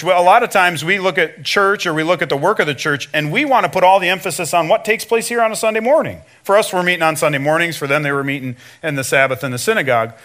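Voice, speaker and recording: A man's voice: on the high side, pushed and bright. A man giving a conversational sermon as a substitute pastor in a church, full of "you know" and "right?" asides, acting out quoted lines. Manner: acts out quoted lines in shifting voices.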